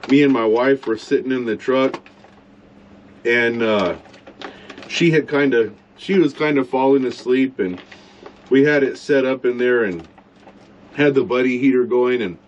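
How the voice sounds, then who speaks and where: A man's voice: medium pitch, dull audio, slight background noise. Rambling blunt man vlogging from his truck. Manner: rambling, blunt, eating while talking. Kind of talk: casual rambling monologue. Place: inside a truck at a campsite.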